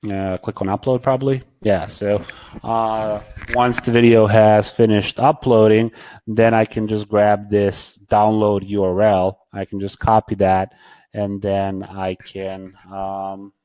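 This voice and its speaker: A lowish, fairly flat male voice hosts a casual online webinar, answering product questions while clicking through a demo. He's halting, full of fillers, repeated words, and restarts as he reads out attendee questions. The desk-mic sound is dry and close, with no echo.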